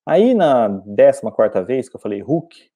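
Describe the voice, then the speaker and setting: Mellow-voiced Brazilian teacher talking casually. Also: male voice, medium pitch, big pitch swings, normal speed. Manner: conversational, often asks "entendeu?". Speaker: English teacher. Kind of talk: casual spoken lesson.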